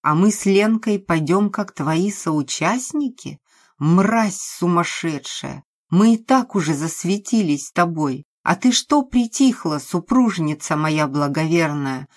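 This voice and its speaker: A woman voicing an agitated middle-aged man who shouts and curses in an audiobook scene. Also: lowish voice, expressive, unhurried, hardly any pauses, slightly rough. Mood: enraged. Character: angry frightened middle-aged man, crude accomplice.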